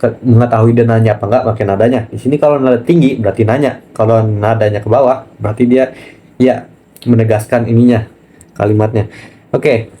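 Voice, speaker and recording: A man teaching a casual online language lesson, chatty and relaxed, often pausing on fillers and speaking to viewers as friends. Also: mid-range voice. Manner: chatty, keeps saying "nah" and addressing viewers as friends.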